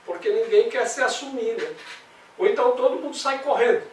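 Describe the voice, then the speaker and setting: High-voiced Brazilian man teaching. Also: lively intonation, normal speed. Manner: conversational, rhetorical questions, acts out examples. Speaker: study group leader. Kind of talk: spiritual study group talk. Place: meeting room. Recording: roomy, distant mic, faint noise.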